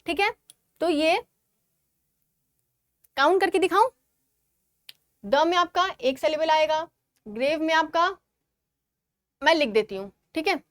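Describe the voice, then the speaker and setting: Indian woman tutor, high voice, dry close sound, walks students through exam answers, reads quotes slowly. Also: dry recording. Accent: Indian English. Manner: switches between English and Hindi, reads English quotes slowly and deliberately. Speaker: exam prep teacher. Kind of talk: online exam lesson.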